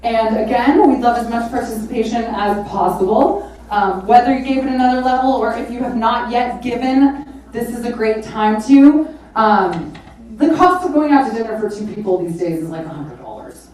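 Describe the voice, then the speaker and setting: Female fundraising auctioneer, high voice, exclamatory and chatty, heard from afar in a very reverberant venue. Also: animated, moderate pace, a little mellow. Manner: exclamatory, informal, chatty with bidders. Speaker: charity auctioneer and event host. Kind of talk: live fundraising auction calling. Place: large echoey event venue with a live audience. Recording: echoey hall, distant PA, crowd.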